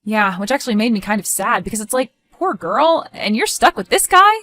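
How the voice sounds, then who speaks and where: A woman playing a skeptical, sharp-tongued adult daughter in scripted story dialogue, expressive and conversational. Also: on the high side, a little fast. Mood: chatty, confiding.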